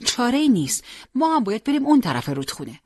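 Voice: mid-range voice, sing-song, no room sound, voice pushed up. A firm young male commander, grieving but resolute, as a storyteller voices him. He gives urgent orders in a mid-range voice that rises sharply when he calls out. The sound is dry and close.

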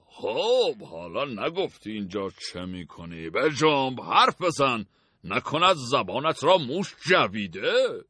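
A man's voice: medium pitch, sing-song, bright, forceful tone, slightly rough, no room sound, full character voice. A man voicing a cruel, mocking caravan master in an audiobook, with a sneering, taunting delivery. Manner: sneering, taunting, laughs at others. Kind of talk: audiobook character voice.

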